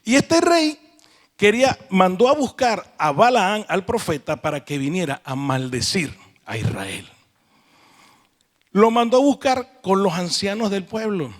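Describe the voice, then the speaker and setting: A male preacher delivering a sermon with a high, lively voice that swings widely in pitch. He is animated and playful and acts out folk sayings to make his points. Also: measured pace. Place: church.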